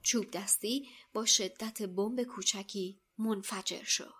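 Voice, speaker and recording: A woman podcast host reading a novel aloud in a hushed, suspenseful storytelling voice, often close to a whisper. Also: medium pitch, steady tone, breathy edge. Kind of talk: audiobook narration.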